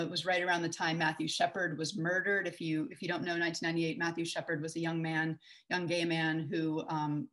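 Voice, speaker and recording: A woman with a fairly low pitch and a fairly bright tone, in her forties and from Texas, gives an online conference talk with slides. Speaking conversationally via a video-call webcam, she uses lots of fillers and restarts.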